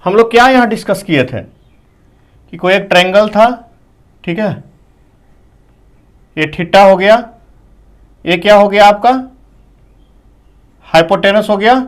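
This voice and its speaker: A man teaching a whiteboard math lesson, explaining step by step, asking his students questions and saying "okay" between points. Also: sits high. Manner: explains slowly, asks the class questions.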